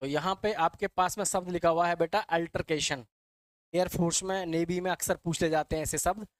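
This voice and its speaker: A man's voice: a little high, steady tone, a little fast, no room sound. A male English vocabulary teacher, giving a classroom lecture. He repeats each word and quizzes his students in a call-and-answer way, calling them "beta.". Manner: addresses students as "beta" and "bachche".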